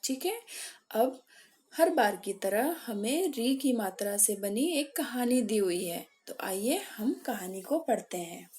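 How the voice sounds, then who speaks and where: A woman teaches young children in an unhurried, step-by-step way. She asks the class questions and answers them herself, and her voice sits a little high. She calls out each example word loudly and clearly. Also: lively intonation. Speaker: primary school Hindi teacher. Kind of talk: online class lesson.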